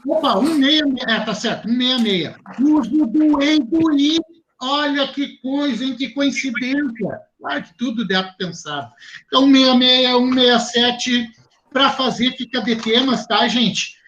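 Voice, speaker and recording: A man with a Rio Grande do Sul accent teaching a class, lively and chatty, speaking straight to his students. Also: very high-pitched, measured pace, muffled recording, a little hiss or hum. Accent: southern Brazilian, Rio Grande do Sul. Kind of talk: online class talk to students.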